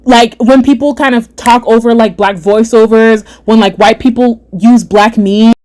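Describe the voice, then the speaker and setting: A young adult woman hosting a casual livestream chat, reading viewer comments aloud, animated and repeating herself often. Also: fairly high pitch, moderate pace. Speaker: livestream host.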